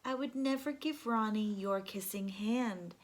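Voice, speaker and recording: A woman's voice: medium pitch, a little slow, lightly acted. A woman voicing a loving mother raccoon in a children's storybook, speaking in a tender, soothing, motherly way. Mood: gentle.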